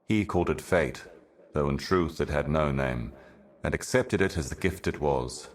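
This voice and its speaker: Deep as a bottomless well, the male voice of this ancient cosmic envoy from a video game speaks with slow, grave deliberation. It sounds like a prophet reading cryptic scripture for a dark fantasy world, solemn and ominous in every phrase.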